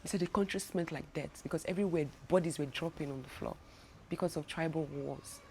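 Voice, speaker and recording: A woman's voice: sits low, fast talker, darkish tone, slight background noise. A young Nigerian woman with a Nigerian accent, talking casually to camera in a travel vlog, chatty and full of restarts. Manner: chatty, many restarts and repeated words. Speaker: travel vlogger.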